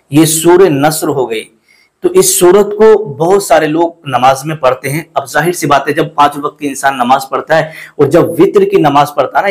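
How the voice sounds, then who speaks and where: A man teaching correct recitation, speaking slowly and deliberately, repeating words to fix common mistakes and chanting verses between explanations. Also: a little high, poor audio.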